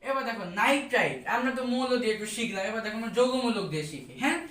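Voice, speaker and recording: A woman's voice: fairly high pitch, expressive, rapid-fire, fairly bright tone. A woman teaching a school science lesson, asking questions and repeating the answers to her pupils. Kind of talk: classroom lesson. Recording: echoey room, distant mic.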